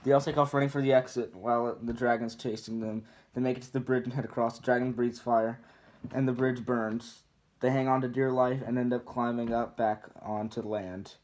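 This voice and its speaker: A man's voice: mid-range voice, flat delivery, fairly quick, a little mellow, a little hiss or hum. Casual man reading a script aloud. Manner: casual, stumbling over words with restarts. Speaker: script reader. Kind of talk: casual read-aloud narration.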